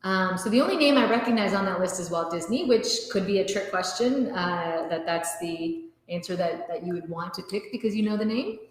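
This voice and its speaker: A woman's voice: medium pitch, fairly quick, hardly any pauses. A woman hosting a casual trivia stream, chatting and reading quiz questions aloud. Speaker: trivia night host. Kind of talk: casual livestream chat. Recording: very echoey room with long reverb.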